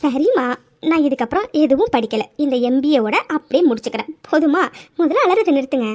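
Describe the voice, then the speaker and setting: A woman's voice: sits high, big pitch swings, a little fast, darkish tone. A woman voicing a cheerful, teasing young daughter studying abroad in a cartoon. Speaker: daughter character. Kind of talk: cartoon voice acting.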